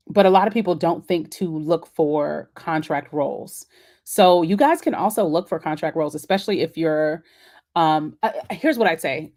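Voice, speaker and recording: A woman hosting a casual live-stream Q&A about remote work, chatty and encouraging, with many fillers and restarts. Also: deep voice. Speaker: host of a live Q&A.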